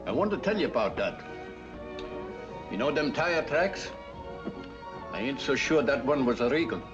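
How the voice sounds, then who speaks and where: A man plays a loyal, working-class police partner in a 1940s film noir. He has a medium-pitched voice and plain, folksy talk. Music sits behind him on a dull old soundtrack. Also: sing-song, normal speed, natural voice. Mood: concerned. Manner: folksy ungrammatical tough talk.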